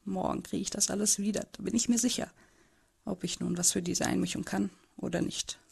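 A woman's voice: mid-range voice, fairly even intonation, a little fast, vocal fry, a little mellow, husky, exaggerated voice. A woman voicing a timid, bullied teenage boy who narrates his own story in an amateur audio drama, in a hesitant, subdued way.

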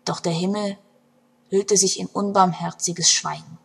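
A woman narrating a story in an expressive storytelling manner, her loudness swinging between hushed and strong passages, with a breathy voice. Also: lowish voice, measured pace.

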